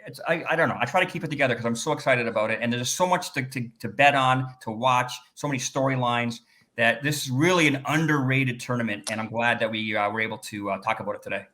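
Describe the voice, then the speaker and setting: Canadian male researcher, bright tone, mid pitch, excitable panel talker. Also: fast. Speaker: sports researcher. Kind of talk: casual panel chat.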